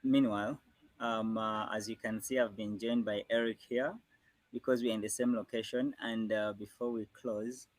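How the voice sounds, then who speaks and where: A man's voice: fairly low pitch, flat delivery, moderate pace, no echo, rough recording. A man hosting a live youth call-in, hesitant with many fillers.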